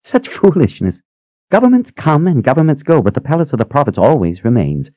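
A man voicing an excitable, bubbly woman, a religious sister, with a high, gushing and breathless manner. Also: fairly quick, no echo, muffled recording. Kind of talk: audiobook character voice.

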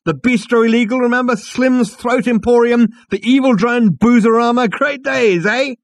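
A man voicing a tipsy, cheerful alien hitchhiker who gushes in a raised, loud voice. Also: normal speed, dry recording. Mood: gushing. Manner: high, loud, gushing.

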